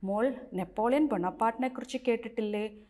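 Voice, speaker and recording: A woman teacher voicing a gentle mother who comforts her young daughter in a read-aloud story, speaking softly and reassuringly. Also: on the high side, fast talker, lightly acted. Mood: soothing. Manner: soft, soothing and reassuring.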